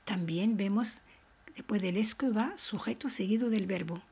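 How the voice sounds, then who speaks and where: A woman teaching a French lesson, explaining grammar and slowly repeating model phrases for learners. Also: mid-range voice, breathy edge. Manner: slow, carefully articulated model phrases, each repeated. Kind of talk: language lesson.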